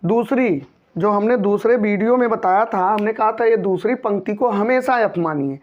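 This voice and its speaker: A man's voice: sits high, normal speed. A man teaching a maths lesson, patiently going over each step and often checking in with his students. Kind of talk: maths lesson explaining a textbook problem. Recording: dull lo-fi recording.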